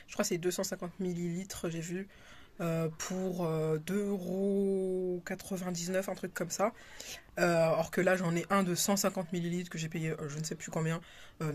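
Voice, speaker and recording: A young woman in her twenties talks to her viewers in a relaxed, rambling vlog. She fills her sentences with hesitations, trails off and restarts, and keeps the tone light and informal. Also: mid-range voice. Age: 20s. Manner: chatty, rambling, many fillers and restarts, laughs often. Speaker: vlogger. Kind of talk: casual vlog chat.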